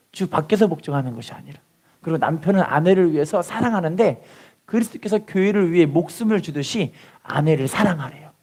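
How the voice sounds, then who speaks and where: A man preaching a lively sermon, often calling out hallelujah and putting rhetorical questions to the congregation. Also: fairly high pitch, breathy edge.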